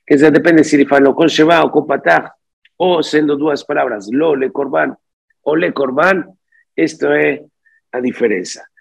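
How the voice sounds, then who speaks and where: A man's voice: fairly high pitch, normal speed, creaky, slightly rough. A man teaching a study lesson. He reads phrases aloud, then explains them, and slips Portuguese words into his talk. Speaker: Talmud teacher.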